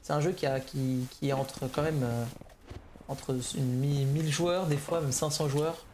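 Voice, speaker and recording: A man's voice: a little high, fairly even intonation, a little slow, a little mellow. A young man giving a casual, unscripted update to gaming viewers, hesitant and slightly nervous, often restarting his sentences. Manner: slightly nervous, neutral delivery. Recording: clear background noise, clicks.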